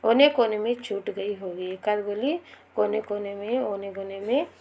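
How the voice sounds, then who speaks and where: A woman's voice: mid-range voice, moderate pace, creaky, a little mellow, a little hiss or hum. A woman teacher who reads a chapter line by line, then patiently repeats and explains each part to her students. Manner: addresses pupils directly, patient.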